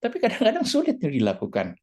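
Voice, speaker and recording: A woman's voice: mid-range voice, wildly swooping pitch, fast, darkish tone, slightly rough. A woman teaching a church leadership class, acting out quoted dialogue with animation and dropping English words into her talk.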